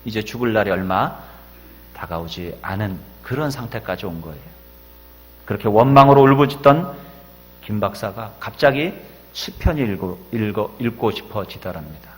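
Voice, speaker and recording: A male pastor telling a story in a sermon, often rising to loud emphasis. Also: fairly low pitch. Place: church sanctuary. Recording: echoey church hall.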